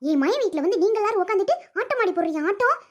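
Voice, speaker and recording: A woman voicing an older village mother-in-law in a cartoon, who scolds her family in a rapid-fire, sharp-tongued way. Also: extremely high pitch, expressive, lo-fi sound. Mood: furious. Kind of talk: Tamil village cartoon voice acting.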